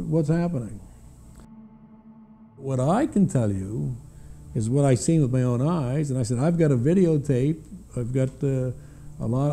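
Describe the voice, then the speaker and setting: An older American man giving unscripted witness testimony in a hesitant, halting way, with frequent uhs and pauses. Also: on the high side, vocal fry, mellow, slight background noise. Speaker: witness, former government aviation official. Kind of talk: personal testimony, unscripted recollection.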